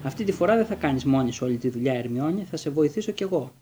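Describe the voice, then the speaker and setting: Brief: man doing a blustering teen wizard boy, raised and eager, mellow timbre. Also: on the high side, animated, slight background noise, natural voice. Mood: passionate. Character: loyal gangly schoolboy wizard, eager and blustering.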